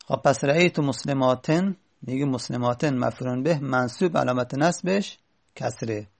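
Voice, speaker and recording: A man gives a grammar lesson in a gravelly voice with a middling pitch. He talks patiently, going over each rule more than once and leaning on the important words. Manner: patient, repeats key points with stress. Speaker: teacher.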